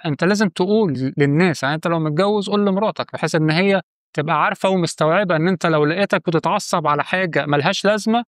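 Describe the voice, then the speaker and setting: Egyptian guy talking fast and direct, coaching the viewer, dry sound. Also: fairly high pitch, dry recording. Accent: Egyptian Arabic. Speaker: channel host giving quit-smoking advice. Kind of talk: casual advice monologue.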